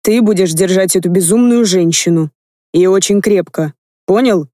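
A woman voicing a gruff, excitable old grandfather who grumbles and shouts in an audiobook. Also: lowish voice, normal speed, dry recording, clean studio sound, natural voice. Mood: shouting.

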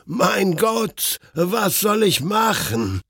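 A man's voice: mid-range voice, normal speed, breathy edge, dry recording, clean studio sound, voice pushed up, natural voice. A man voicing a nervous young man, horrified and exclaiming in fright.

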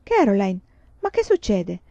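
A woman's voice: medium pitch, huge pitch swings, measured pace, gravelly, mellow, dry recording, exaggerated voice. A woman reading aloud voices a kind, reassuring pioneer father in a storybook. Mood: gentle. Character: kind fatherly pioneer dad, middle-aged man.

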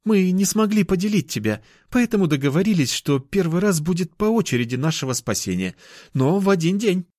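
A man's voice: high-pitched, sing-song, fairly quick, a little mellow, no echo, studio quality, voice pushed up. A man voicing a playful, affectionate young cat-girl who teases in a bubbly way, in an audiobook reading. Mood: apologetic.

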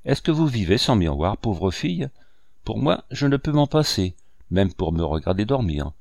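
A man's voice: on the low side, very animated, moderate pace, vocal fry, a little mellow, dry recording, full character voice. A man voicing a vain, fussy young married woman who chatters petulantly about herself in a storybook reading. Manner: petulant, self-absorbed chatter.

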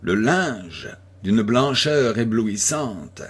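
Slow, husky male audiobook reader. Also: lowish voice, big pitch swings, fairly bright tone. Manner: slow, deliberate reading. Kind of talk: scripted narration of a 19th-century detective novel.

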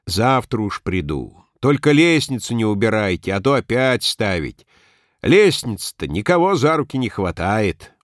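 A man reading a story aloud and voicing a gruff, stubborn working-class handyman who speaks in rough colloquial phrases. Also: lowish voice, very animated, unhurried, no room sound, clean studio sound. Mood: offhand. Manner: rough colloquial speech, offhand and cocky. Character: gruff male handyman, crude, stubborn and boastful.

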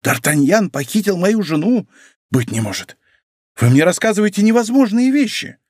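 Frantic whining shopkeeper, middle-aged male, read by a man, lively jumping pitch. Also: moderate pace, dry recording, studio quality. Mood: agitated pleading. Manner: excitable, pleading, exclaiming. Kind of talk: audiobook character voice.

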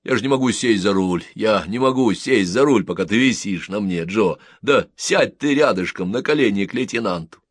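A man reading the part of a gentle, flustered army sergeant who coaxes a child in a soft, unhurried way. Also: fairly low pitch, expressive, breathy edge, dry recording, studio quality. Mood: coaxing.

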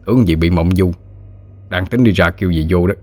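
A man's voice: deep voice, brisk, warm tone, lightly acted. A man voicing a puzzled older brother-in-law who questions bluntly.

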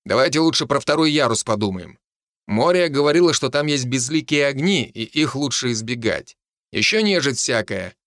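A man's voice: mid-range voice, lively intonation, moderate pace, a bit bright, no echo, clean studio sound. A man voicing a tough teenage hero who speaks in a curt, commanding way. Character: tough, sharp teen hero, street fighter inside.

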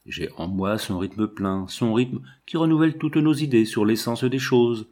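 A man reading the lines of a young man in love in a storybook, in an earnest, hushed way. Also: mid-range voice, lively intonation, moderate pace, natural voice. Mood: fervent.

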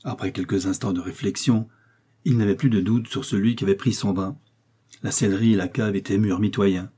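Man reading an old novel out loud, low husky voice, dark mellow tone, steady pace. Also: a little fast. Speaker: audiobook reader. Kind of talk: literary audiobook narration.

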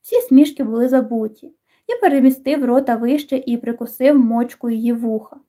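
High, mellow-voiced woman narrating. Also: fairly quick. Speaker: audiobook narrator. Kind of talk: scripted narration.

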